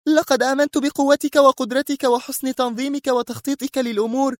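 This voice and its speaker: A man voicing a furious woman who leads a criminal organization, shouting in outrage. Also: very high voice, level tone, brisk, no room sound, studio quality, pitched above the performer's own voice.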